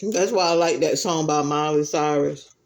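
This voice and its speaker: A man chatting casually to viewers while he eats, giving earnest advice with pauses between phrases. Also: fairly high pitch. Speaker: mukbang vlogger.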